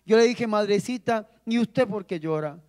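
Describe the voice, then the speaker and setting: A man with a fairly high voice delivers a sermon as a priest. His preaching climbs and falls dramatically, with key words slowed and stretched. He keeps drawing the congregation in with rhetorical questions. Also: a little mellow. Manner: preaching with dramatic rises and drops, drawn-out emphasis.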